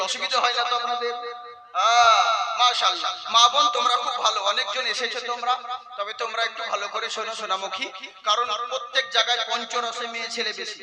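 Preacher guy on a stage mic, super bright sharp voice, fast and jokey, lots of echo. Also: very high voice. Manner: fast, rhetorical questioning, jokey, often shouting. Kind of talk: sermon at a religious gathering. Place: large outdoor gathering on a stage. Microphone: stage microphone.

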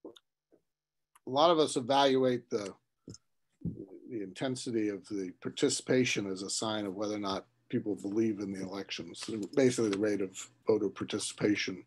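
A man hosting a webinar interview, asking a long question in a halting way as he searches for words, heard over a video call. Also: lowish voice, a little hiss or hum. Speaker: host.

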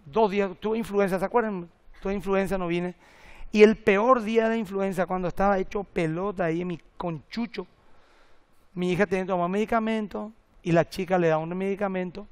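A middle-aged man, a pastor preaching a sermon and telling lively stories with acted-out quotes and jokes. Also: high-pitched, fairly quick, smooth. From Paraguay.

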